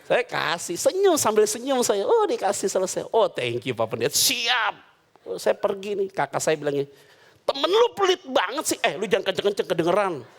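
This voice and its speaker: A man preaches a lighthearted sermon in a church hall. He speaks in a high voice with big, lively swings of pitch. He slips into the voices of the people in his stories. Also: a little fast. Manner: animated, jokes and voices quoted characters. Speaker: pastor. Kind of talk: humorous sermon with storytelling.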